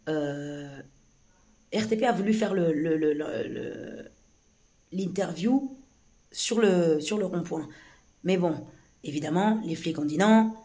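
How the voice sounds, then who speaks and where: A woman with a hoarse voice telling a story to camera in a casual, agitated way, with many hesitations and restarts. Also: low-pitched, darkish tone. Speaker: vlogger recounting a police incident. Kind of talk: casual spoken account to camera.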